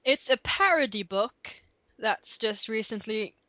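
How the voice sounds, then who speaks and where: A woman's voice: a little high, animated, measured pace, bright, forceful tone, no echo. A young woman co-hosting a podcast over an online call, chatting in a giggly, rambling way with many restarts. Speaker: podcast co-host. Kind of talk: casual chat. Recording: dull lo-fi call audio.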